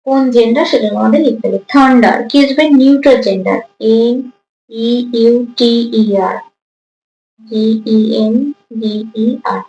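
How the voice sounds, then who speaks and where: A woman teacher going through exam answers, reading English prompts slowly, explaining them in Bengali and spelling words out letter by letter. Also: fairly high pitch, darkish tone, highs cut off, faint music behind. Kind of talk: exam answer walkthrough lesson. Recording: echoey room.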